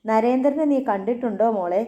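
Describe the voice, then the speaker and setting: A woman's voice: on the high side, brisk, dark tone, close to an everyday voice. A woman voicing a cold, menacing gang boss. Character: menacing older male boss, coldly interrogating.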